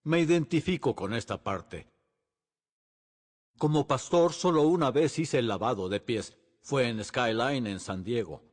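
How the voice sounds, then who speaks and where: A man's voice: medium pitch, lively intonation, a little slow, big-room sound. A male pastor preaching earnestly, often asking the congregation rhetorical questions. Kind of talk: sermon. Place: church sanctuary.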